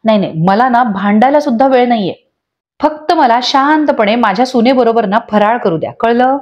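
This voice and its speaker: A woman voicing an exasperated, sharp-tongued middle-aged housewife in a retold TV serial, on slightly dull lo-fi audio. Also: fairly high pitch, moderate pace, lightly acted. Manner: scolding, exasperated.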